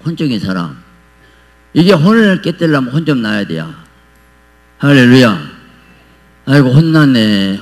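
A man preaching a revival sermon in a church as pastor, animated and acting out pleading prayers. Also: medium pitch. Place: church sanctuary. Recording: long hall reverb with mains hum.

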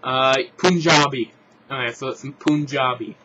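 A man's voice: medium pitch, a little slow, noisy background. A man rambling frankly through a casual vlog review, restarting and correcting himself as he goes. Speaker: show reviewer. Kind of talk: casual opinionated vlog commentary.

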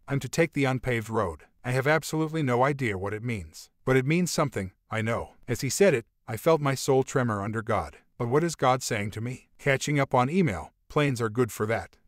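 A man reading a first-person book aloud in a steady, measured way, with conversational asides. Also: mid-range voice, no echo, clean studio sound. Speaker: audiobook narrator. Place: voice-over.

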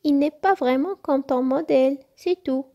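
A woman voicing a wise, calm little boy fox who talks gently and reassuringly in a storybook. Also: sits high, normal speed, pitched above the performer's own voice. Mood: gentle.

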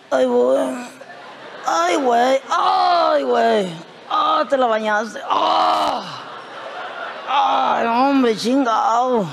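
A man's voice: very high voice, gravelly, slight background noise, exaggerated voice. A man playing a crude, brash woman character in a stand-up comedy bit. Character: brash crude middle-aged Mexican woman.

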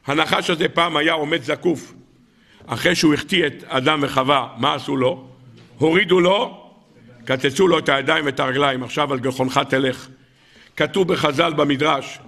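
Male rabbi, sermon, dramatic storyteller, gravelly, fairly high voice. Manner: dramatic storytelling preacher, rises to loud exclamations. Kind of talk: weekly Torah sermon.

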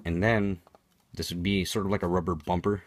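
A man's voice: low voice, little pitch movement, fairly quick, noisy background. A man giving an unscripted product demonstration in a matter-of-fact, explanatory way, as a reviewer.

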